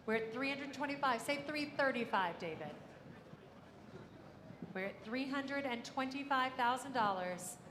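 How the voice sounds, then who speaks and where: Casting: woman as live auctioneer, high-pitched, repeating bids across a noisy, echoing hall. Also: lively intonation, unhurried. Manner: auctioneer's repetitive bid calling. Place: large auction room. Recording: echoey hall, ambient noise.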